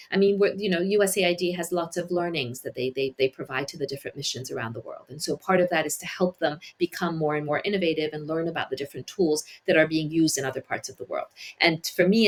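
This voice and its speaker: A woman talking as a guest in a conversational interview, explaining policy in a measured way with frequent restarts. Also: sits low. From Iran.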